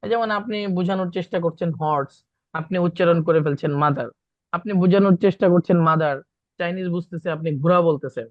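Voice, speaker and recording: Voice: mid-range voice, fast talker, no echo. Teacher drilling syllables over a dull video call. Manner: repeats drilled syllables, code-mixes English. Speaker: Chinese language teacher. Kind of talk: online class lesson.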